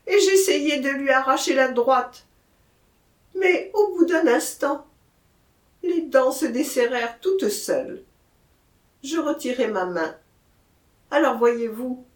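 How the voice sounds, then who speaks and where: A woman's voice: high-pitched, roomy sound, pitched above the performer's own voice. A woman voicing a terrified male murderer, pleading and near tears, in an audiobook.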